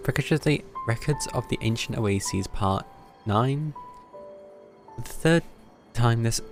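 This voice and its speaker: With video game music behind him, a British man of medium pitch and vocal fry livestreams a game. His casual commentary comes as muttered thoughts delivered with dry understatement.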